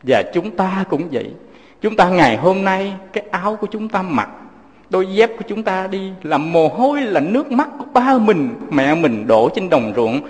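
A man's voice: high-pitched, very animated, normal speed, long reverb tail. A Southern Vietnamese man, a Buddhist monk, giving a fatherly sermon full of personal stories and speaking to his listeners as his children.

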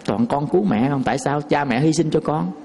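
A Buddhist monk delivers a homely sermon, often turning to his listeners with questions. His voice sits high for a man. The sound rings out with a long reverb, as in a large hall. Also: a little fast, vocal fry, darkish tone. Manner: folksy storytelling with rhetorical questions to the audience. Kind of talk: dharma talk sermon.

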